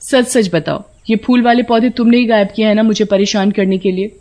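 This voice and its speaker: A woman voicing a chatty, plant-loving young wife who scolds her husband in an animated horror story. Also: medium pitch, fairly quick, close to an everyday voice.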